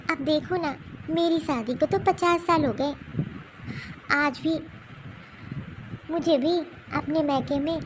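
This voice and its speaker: A woman's voice: sits high, background noise. A woman playing a caring old mother-in-law. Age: 70s. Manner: coaxing and consoling. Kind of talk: cartoon voice acting.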